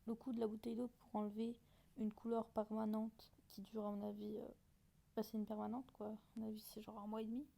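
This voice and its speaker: A woman's voice: mid-range voice, little pitch movement, brisk, creaky, mellow, slight background noise. A woman chatting casually and hesitantly as she reacts to her own old videos, often mocking herself.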